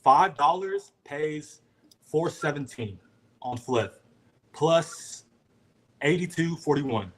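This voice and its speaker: Guy calling in with picks, slangy and cocky, kinda high voice. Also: animated, slow pace, pauses often, a bit bright. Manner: slangy, confident, jokey. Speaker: caller. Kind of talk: casual chat.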